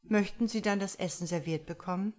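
A woman's voice: medium pitch, brisk, close to an everyday voice. A woman reading a formal, courteous waiter. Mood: polite. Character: polite, formal male waiter. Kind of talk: audiobook dialogue reading.

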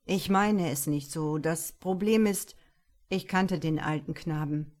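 A woman voicing a grumpy, cynical male police detective in a crime audiobook, with gruff sarcastic remarks. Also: low-pitched, slow, a little mellow. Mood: sober.

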